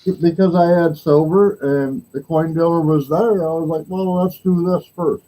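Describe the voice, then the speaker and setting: A man in his sixties hosting a casual chat, his voice pitched a little high but dark and mellow. He talks in a loose, rambling way and laughs easily. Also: normal speed, rough recording. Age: 60s. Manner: relaxed, rambling storyteller who laughs easily.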